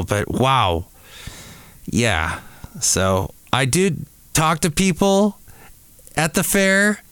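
Middle-aged man reminiscing, clear and dry. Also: a little high, fairly bright tone, no echo. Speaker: podcast host. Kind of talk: casual reminiscing. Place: café.

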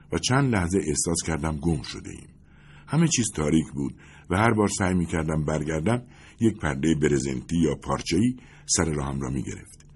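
A very deep, husky male voice reads a first-person story in a measured, suspenseful way. His pitch moves a lot, rising and falling with the tension of each sentence. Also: a little mellow. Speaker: audiobook narrator.

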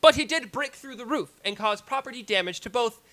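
Man playing an animated, high-pitched courtroom lawyer. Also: brisk, exaggerated voice. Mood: argumentative. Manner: courtroom lawyer, formal and rhetorical, often stumbling. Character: wordy, persistent male courtroom lawyer making his case. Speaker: player acting as a lawyer in a mock trial. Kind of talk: improvised mock trial among friends.

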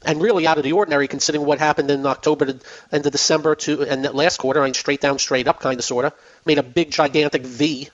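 This finance radio host speaks a little high and quick with a steady tone, chatting casually about markets. His voice is going, and he repeats himself with plenty of fillers. The sound is dull and lo-fi.

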